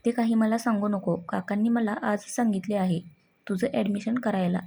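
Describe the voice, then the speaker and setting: Woman narrator doing bossy young cousin, husky. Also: mid-range voice, steady tone, normal speed, warm tone. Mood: annoyed. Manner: annoyed, bossy. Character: teasing young man, annoyed cousin.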